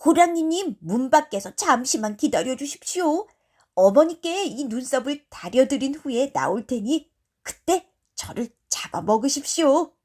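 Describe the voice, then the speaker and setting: A woman voicing a devoted young son who pleads loudly and politely in a storybook tale. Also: sits high, animated, measured pace. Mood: pleading. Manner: loud, eager, polite pleading.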